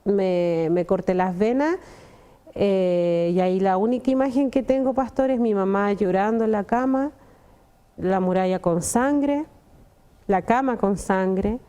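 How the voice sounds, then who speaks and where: A woman's voice: medium pitch, a little slow, dark tone, clean tone. A young adult woman, giving an earnest personal testimony and often addressing the pastor. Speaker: testimony guest.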